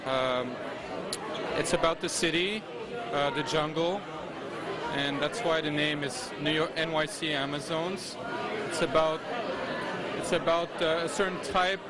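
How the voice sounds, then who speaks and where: A man with a slightly high voice gives informal interview answers as an artist. He explains haltingly and hesitantly, with a loud crowd chattering around him. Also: steady tone. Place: public art gallery, indoors.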